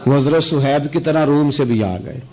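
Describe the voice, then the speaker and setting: Male preacher, high-pitched, impassioned delivery, repeats phrases for emphasis. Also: a little mellow. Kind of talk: sermon.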